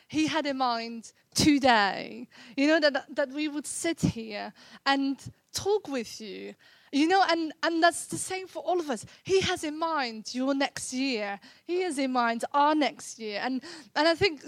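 A woman's voice: sits high, no echo. A woman in her thirties from the Netherlands with a Dutch accent, earnestly sharing her faith testimony in casual conversation, with frequent fillers and restarts. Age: 30s.

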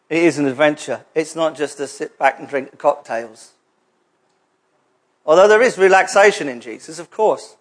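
Chatty high-voiced preacher. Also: male voice. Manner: conversational, jokey preaching with asides. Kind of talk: sermon. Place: church hall.

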